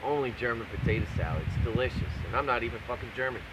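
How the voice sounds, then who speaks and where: A man's voice: mid-range voice, animated, very fast, background noise. A man talking casually and profanely like a video blogger, brash and crude, hammering points home by repeating himself. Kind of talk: profane, casual rambling rant to camera.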